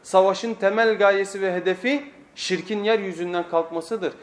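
A man's voice: high voice, normal speed. A man preaching a weekly sermon lesson at a pulpit microphone, emphatic, repeating phrases and putting rhetorical questions to his listeners.

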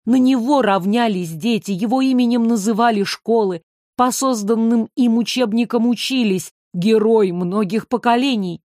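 A woman narrating a fantasy audiobook in an expressive, steady reading voice. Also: on the high side, moderate pace, no room sound, studio quality.

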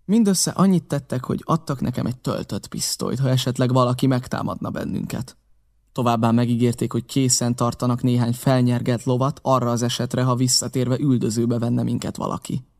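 A male audiobook narrator with a gravelly, creaky texture to a mid-pitched voice. He tells the story at a steady, measured pace. His reading sounds scripted and composed. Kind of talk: scripted first-person narration.

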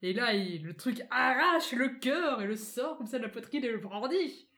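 A woman co-hosting a casual podcast, telling lively anecdotes. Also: a little high, moderate pace. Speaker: podcast co-host. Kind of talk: casual round-table chat.

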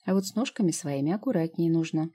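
A woman voicing a caring young man who speaks calmly, firm but fond, in an audiobook. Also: deep voice, fast, slightly rough. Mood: teasing. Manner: calm, firm then soft.

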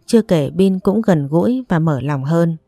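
A woman reads a first-person audiobook story in a calm, even way. Her voice sits on the low side, recorded close and dry, with soft music underneath. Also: moderate pace, dry recording. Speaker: narrator.

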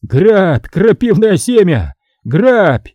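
A man's voice: high-pitched, very animated, normal speed, no room sound, lo-fi sound, pitched above the performer's own voice, exaggerated voice. A man playing a desperate peasant. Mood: furious. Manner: trembling, pleading, shouting in anger. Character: desperate poor peasant man, bitter and pleading.

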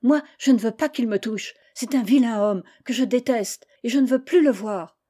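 A woman voicing a proud, spoiled young girl with sharp, disdainful retorts in an audiobook reading. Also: fairly high pitch, lively intonation, a little fast. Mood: indignant.

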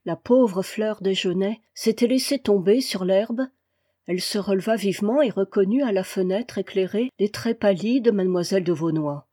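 Brief: female audiobook narrator, measured, mellow timbre. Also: mid-range voice. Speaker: audiobook reader.

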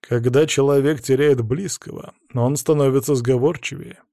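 A man reading a first-person fantasy audiobook in a steady, measured way. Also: medium pitch, vocal fry, dry recording, clean studio sound. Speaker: audiobook narrator.

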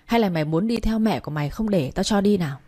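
A woman's voice: medium pitch, lively intonation, quick pace, warm tone, lightly acted. A woman reading a story, voicing a cruel, two-faced young woman who scolds a child harshly. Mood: furious.

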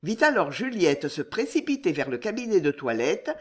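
A woman narrating a classic novel aloud in a measured, expressive way. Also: on the low side. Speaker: audiobook reader.

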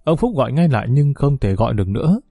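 A man narrating a dramatic audiobook story in a steady storytelling manner. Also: medium pitch, quick pace, vocal fry, no echo, lo-fi sound, soft background music.

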